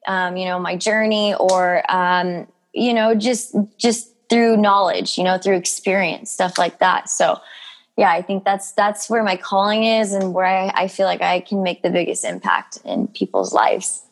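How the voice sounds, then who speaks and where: Creaky, low-pitched young woman chatting. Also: measured pace. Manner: informal, peppers speech with "you know" and "like". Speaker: podcast guest telling her health story. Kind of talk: casual, personal interview chat.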